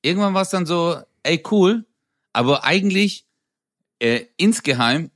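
Animated, laughing male storyteller. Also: sits high, measured pace. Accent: German. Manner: animated storyteller, acts out voices and laughs a lot. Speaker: podcast co-host. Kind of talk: casual comedic chat.

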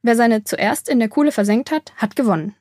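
A woman's voice: fairly high pitch, a little mellow, no room sound, studio quality, natural voice. Woman voicing Maya, a bossy little girl. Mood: friendly. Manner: scolding then friendly, explaining slowly. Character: bold young girl, bossy yet kind. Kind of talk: audiobook character voice.

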